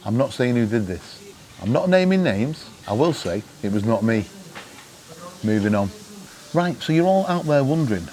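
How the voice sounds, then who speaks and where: A British vlog host chats casually to camera, offering travel gadget tips in a jokey, wry, mock-exasperated style. His voice is medium-pitched and warm, though the recording quality is low.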